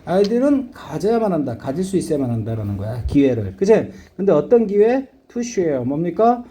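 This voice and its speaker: A man's voice: fairly high pitch, very animated, dark tone, slight background noise. A middle-aged man teaching an English reading lesson, blunt and casual, constantly asking his students whether they understand. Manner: checks understanding constantly with quick questions. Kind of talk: classroom lecture.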